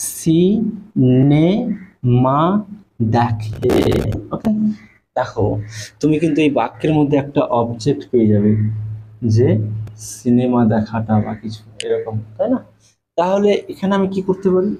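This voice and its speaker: A man's voice: high voice, dark tone, slight background noise, low-quality recording. A man teaching a spoken English class to students. He explains step by step, spells words out letter by letter and keeps checking in with "okay?".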